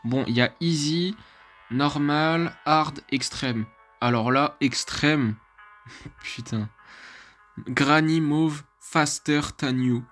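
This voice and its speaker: Unhurried casual French gamer guy. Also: a little high, a bit bright, faint music behind. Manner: chatty, swears casually, laughs at own mistakes. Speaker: gaming YouTuber. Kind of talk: casual gaming commentary.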